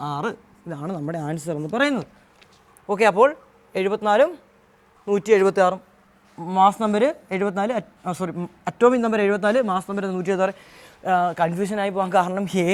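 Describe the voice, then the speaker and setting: A male tutor from Kerala working through an exam answer key, asking questions and answering them himself, with English terms mixed into his explanation. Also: high voice. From Kerala, India.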